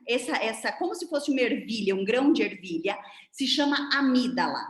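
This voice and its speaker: A woman with a Brazilian Portuguese accent gives a didactic online lecture to a seminar over a video call, explaining things with hand demonstrations. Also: a little high. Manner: didactic, animated, demonstrating with her hands. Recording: roomy echo.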